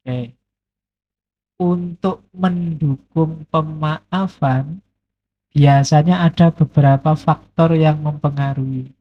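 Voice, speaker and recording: A middle-aged man, giving a relaxed, joking philosophy lecture with playful everyday examples. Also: fairly high pitch, takes it slowly, long pauses, breathy edge. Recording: dull lo-fi lecture recording.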